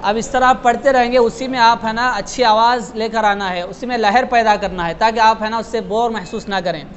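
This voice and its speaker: A man with a high voice teaches Quran recitation in a patient classroom manner, often tagging his sentences with a question. He models each phrase slowly for his students. The recording sounds dull and lo-fi, with a faint hiss behind him. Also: steady tone, fairly bright tone. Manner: explains patiently, often adds "hai na", slows down to model recitation line by line.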